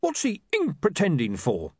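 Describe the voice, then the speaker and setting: Casting: male reader doing a brash cursing thug, loud, punchy, lively pitch, dry close sound. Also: moderate pace, husky, no echo, full character voice. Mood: gruff. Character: loud, coarse, swearing male thug with a love of art.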